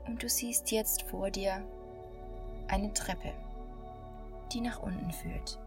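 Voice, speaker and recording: Langsame, hypnotisch ruhige Frauenstimme, geführte Meditation. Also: female voice, mid-range voice, vocal fry. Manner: slow, calm, soothing hypnotist-like delivery with long pauses. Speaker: meditation guide. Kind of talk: guided meditation, slow hypnotic countdown. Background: new-age music.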